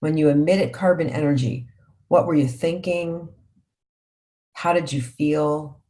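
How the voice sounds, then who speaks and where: A woman's voice: sits low, steady tone, a little slow, warm tone. A woman leading a parenting workshop, talking reflectively, often checking in with "right?" and posing guiding questions to her listeners. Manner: reflective, tags points with "right?". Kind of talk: guided workshop teaching.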